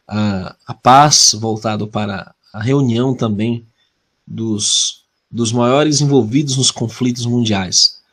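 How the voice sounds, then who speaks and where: A man with a Brazilian Portuguese accent leading a weekly prophecy study, earnest and measured, slowing down to stress key words. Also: mid-range voice. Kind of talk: prophecy study talk with opening prayer.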